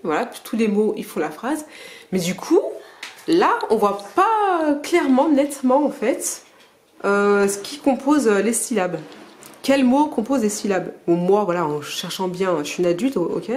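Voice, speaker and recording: A woman's voice: mid-range voice, big pitch swings, normal speed, a little mellow, a little hiss or hum. A mother teaching her children at home and explaining the method to the camera in a hesitant, casual way full of filler sounds. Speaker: homeschooling mother.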